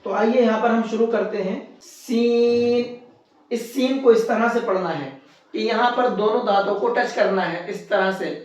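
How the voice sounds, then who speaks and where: Patient male teacher in an echoey room. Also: high voice. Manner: patient, repeats points, drawn-out letter demonstrations. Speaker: Quran reading teacher. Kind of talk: step-by-step teaching lesson. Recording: very echoey room, distant dull mic.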